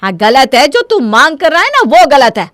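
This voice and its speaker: A woman voicing a stern mother who scolds her grown son in an animated story. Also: medium pitch, fast talker, no room sound, studio quality, close to an everyday voice. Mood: scolding. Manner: scolding, sharp.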